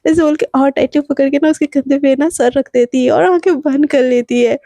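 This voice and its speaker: A woman's voice: high voice, fairly even intonation, a little fast, dark tone, no echo. A young woman telling a love story in a casual, chatty way, with many fillers. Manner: chatty, filler-heavy retelling.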